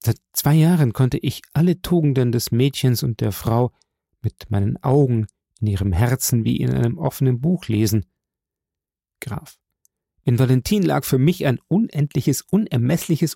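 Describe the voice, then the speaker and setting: A man's voice: medium pitch, gravelly, mellow, breathy edge, no echo, clean studio sound. A man voicing a grieving young male soldier, speaking with rising passion and pleading outbursts.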